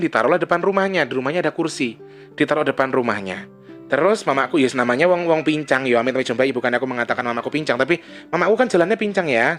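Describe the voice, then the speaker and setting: Rambling man, slightly high. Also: fairly bright tone. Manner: rambling, with frequent restarts and self-corrections. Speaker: vlogger. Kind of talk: casual spoken monologue.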